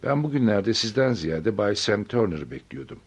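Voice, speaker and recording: Male narrator as a prim middle-aged bank manager in a storybook, formal, deep husky voice. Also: very animated, moderate pace. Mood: formal polite. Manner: formal and eager to reassure.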